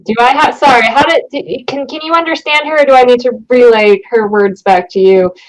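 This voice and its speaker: A woman's voice: fairly high pitch, a little fast, poor audio. A young adult woman playing a tabletop role-playing game, bantering casually in a wry, sardonic way.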